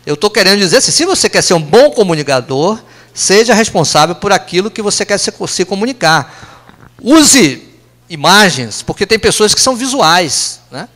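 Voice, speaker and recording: A man's voice: high voice, very animated, a bit bright. A Brazilian man with a Brazilian Portuguese accent giving a talk to a live audience in an office meeting room, conversational and full of tag questions. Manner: conversational, tag questions "né?", quick aside jokes. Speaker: speaker giving a company lunch talk.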